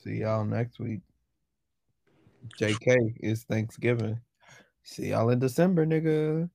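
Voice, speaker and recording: A man's voice: mid-range voice, steady tone, takes it slowly, gravelly, a little mellow, no echo, clean studio sound. A young man with a lisp, co-hosting a casual podcast chat in a laid-back, joking way. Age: young adult. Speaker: podcast co-host.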